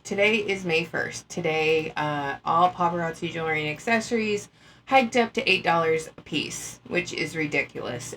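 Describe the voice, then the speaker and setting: Blunt woman, bright slow delivery. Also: lowish voice, slight background noise. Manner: blunt, dismissive, rambling. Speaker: anti-MLM commentator. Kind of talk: casual commentary. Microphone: earbuds mic.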